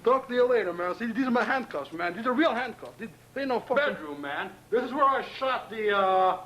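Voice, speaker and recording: In an extremely high, pushed and bright voice, fairly quick and lively in intonation, a man from Brooklyn, New York tapes a profane, rambling message to a pen pal in his bedroom. He boasts, threatens, restarts with stutters and says "man" over and over. The 1990 camcorder on its tripod yields a hissy, roomy, distant recording.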